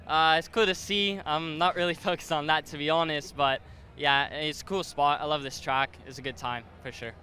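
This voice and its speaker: Young american racer dude, bright tense voice, higher pitch, laid back. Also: male voice, fairly even intonation, moderate pace. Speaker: racing driver interviewee. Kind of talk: casual interview.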